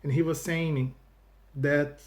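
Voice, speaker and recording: In English learned after his native Portuguese, a Brazilian-accented reaction host talks casually to his YouTube viewers in a slightly high male voice and a steady tone. He speaks haltingly, starting phrases over, repeating words before completing a thought, and filling gaps with "you know."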